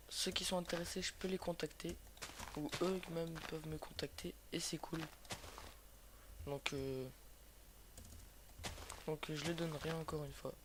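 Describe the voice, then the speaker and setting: High-pitched young Frenchman with a sore, swollen throat. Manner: slangy, swearing, hesitant. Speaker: gaming video host. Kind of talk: casual gameplay commentary. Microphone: cheap computer microphone. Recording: noisy cheap microphone with clicks.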